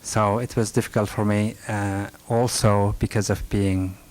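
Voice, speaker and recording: In a library meeting room, a soft-spoken rug merchant from northern Afghanistan answers audience questions at his presentation, his low voice flat throughout. He halts often, restarting and reaching for fillers. It's a low-quality archival recording with faint hiss in the background.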